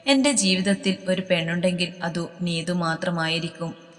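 Woman reads a pleading young male lover in a storybook reading, lowish pitch, reverb-heavy. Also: fairly even intonation, moderate pace, soft background music, close to an everyday voice. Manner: earnest, pleading. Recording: long reverb.

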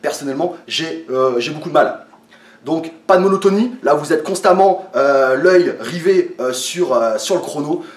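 A man's voice: fairly high pitch, normal speed, far from the mic. Man explaining in an echoey room. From France. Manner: hesitant, many fillers and restarts, addresses viewers as friends. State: a little tired. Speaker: fitness vlogger. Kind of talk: casual explanatory talk to camera. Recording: echoey room, voice away from the mic.

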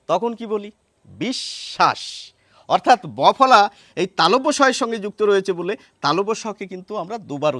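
A man teaching a lesson, explaining step by step and repeating words slowly to show how they sound. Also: high-pitched, fairly bright tone, dry recording. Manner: explains step by step, asks rhetorical questions.

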